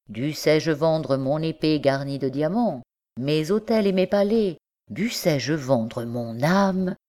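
Brief: woman reading as a polished, insistent young gentleman, low-pitched and slow. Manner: courteous, then urgent and driven. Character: young nobleman scholar, ambitious and insistent.

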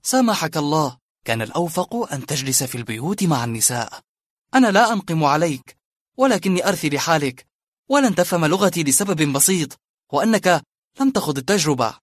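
A bitter, disillusioned barber, as a male reader puts him on, cold and scornful and hurling his words in a raised, emphatic voice. The voice sits fairly high for a man and is recorded close and dry, with no room around it. It suits a dramatized audiobook. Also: big pitch swings, fast, dry recording. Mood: coldly scornful.

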